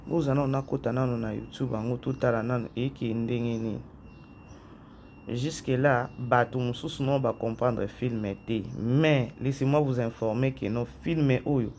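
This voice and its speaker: A YouTube channel host with a head cold chats through a casual commentary vlog, mixing French and Lingala, repeating phrases and addressing his viewers directly. His medium-pitched voice is a little mellow, with fairly even intonation and a measured pace, and there's a slight hiss or hum.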